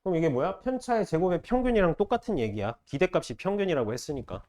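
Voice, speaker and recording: Man, math teacher, classroom lecture, slightly higher voice, keeps quizzing students. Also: expressive, a little mellow. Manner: quizzes students with rapid questions, repeats key phrases.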